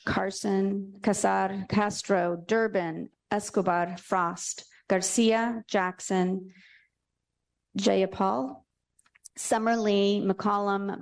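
A woman chairs a public board meeting and reads a prepared statement in a measured, deliberate way. Her voice has a gravelly fry running through it. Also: medium pitch, darkish tone, poor audio.

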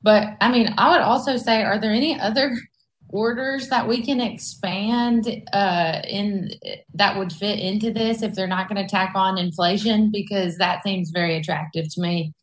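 A woman's voice: medium pitch, steady tone, normal speed. A woman commissioner asking questions informally at a meeting. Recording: echoey room, faint noise.

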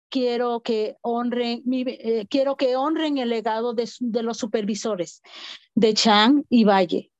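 Woman calling in by phone for public comment: high pitch, muffled phone-line sound, earnest and emphatic, halting delivery. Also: a little mellow, dry recording. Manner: halting with fillers, pleading and emphatic. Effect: call-in audio over a phone line. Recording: dull lo-fi phone-line audio.

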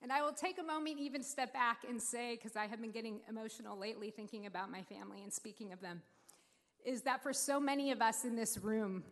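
A woman giving a prepared, heartfelt speech at a civic celebration, slow and deliberate, close to tears at times. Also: medium pitch. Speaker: speaker introducing the mayor. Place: large hall on stage. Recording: long reverb of a large hall.

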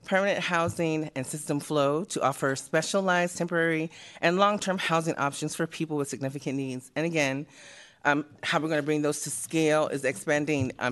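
Woman, out of breath, committee member, halting presentation, many fillers, public meeting. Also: deep voice, fairly even intonation. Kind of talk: reading a presentation.

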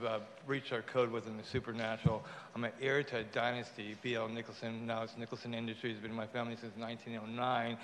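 A man giving a halting, rambling public comment at a council meeting, talking with stitches in his mouth as after dental surgery. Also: medium pitch, fairly bright tone. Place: large indoor council chamber. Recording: echoey council chamber, noisy PA.

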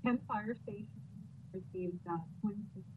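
A woman reports as project manager over a bad connection that keeps dropping her voice in and out. The call audio is thin and phone-like, with a faint hiss underneath. She speaks hesitantly, filling pauses with ums. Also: medium pitch. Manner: hesitant, with many fillers. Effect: bad connection, audio cutting in and out. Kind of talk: meeting status report. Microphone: computer mic on a video call.

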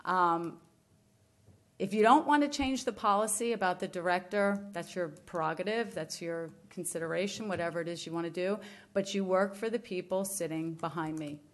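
A woman's voice: on the low side, normal speed. A woman giving public comment at a county budget hearing, an elected official who is angry and struggling to stay composed. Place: county commission chamber.

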